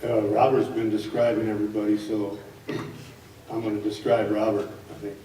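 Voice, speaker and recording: A man's voice: on the low side, little pitch movement, normal speed. A man giving a casual, teasing introduction at a live gathering. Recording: echoey, distant, noisy room.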